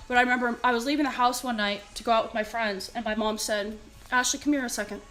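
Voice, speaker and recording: Earnest, higher-pitched Californian woman. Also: fairly even intonation, fast, fairly bright tone, soft background music, rough recording. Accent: Californian American. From California, United States. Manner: earnest, emphatic, conversational. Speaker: fitness leader and live streamer. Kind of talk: motivational talk to live stream viewers.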